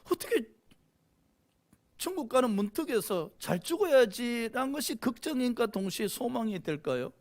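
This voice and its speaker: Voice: medium pitch, sing-song, moderate pace, darkish tone. A pastor preaching a sermon with passion, often prompting the congregation with a questioning "eh?". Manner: impassioned preaching, frequent rhetorical "eh?" prompts to the congregation.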